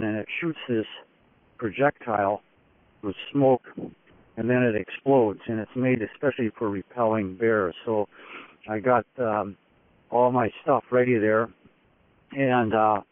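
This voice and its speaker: A man giving an unscripted first-person expedition report, telling it in a halting, matter-of-fact way in short phrases. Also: lowish voice, fairly even intonation, no room sound. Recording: dull radio-like phone link, dry.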